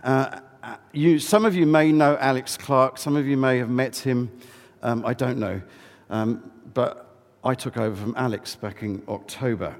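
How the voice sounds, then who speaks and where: Unhurried and mid-range in voice, a middle-aged man from England speaks as a guest at a church service, where he heads a charity as chief executive. His friendly, chatty address has many fillers and restarts, echoing through a reverberant hall in a large old church.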